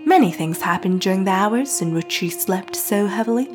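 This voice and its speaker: A woman narrating a classic novel in a soft, hushed reading voice. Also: medium pitch, lively intonation, moderate pace, over music. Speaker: audiobook narrator.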